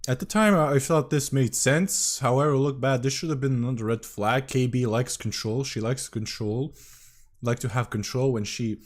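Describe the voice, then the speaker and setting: A man hosting a casual reaction commentary, talking between bites, often coughing and clearing his throat. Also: medium pitch, normal speed. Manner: talks while chewing, coughs and clears throat. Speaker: commentary host.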